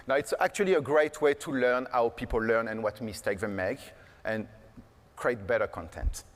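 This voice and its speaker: On stage at a conference, a keynote speaker gives a casual, joking talk packed with fillers like "like" and "uh." His voice is medium-pitched at a normal speed, and the recording has a long hall reverb.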